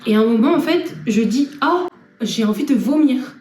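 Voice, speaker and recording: A young woman vlogger telling a personal story in an animated, laughing way. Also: sits high, normal speed. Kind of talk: storytelling vlog. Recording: echoey room from far off, faint music.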